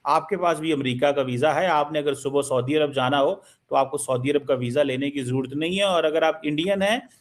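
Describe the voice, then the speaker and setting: A man's voice: a little high, a little fast, few pauses. A man speaking as a panel guest, insistent and repeating himself. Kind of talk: TV panel discussion.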